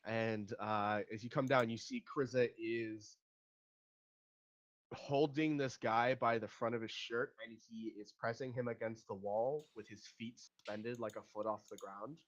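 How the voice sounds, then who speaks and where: A man narrating as game master in a tabletop game, relaxed and full of fillers. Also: mid-range voice, a little slow. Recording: lo-fi mic.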